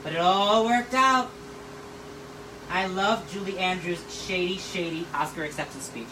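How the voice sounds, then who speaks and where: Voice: mid-range voice, unhurried, distant mic. A drag performer and show host chatting casually backstage in a campy, theatrical way. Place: backstage dressing room. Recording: noisy room with background ambience.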